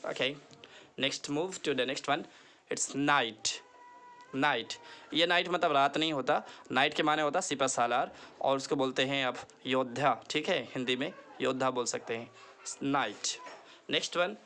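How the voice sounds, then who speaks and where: A man teaching an online lesson, mixing Hindi and English. He repeats each word slowly so the listener can echo it, and urges the listener earnestly to practise. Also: medium pitch, pushed and bright, slight background noise. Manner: earnest, pleading tone.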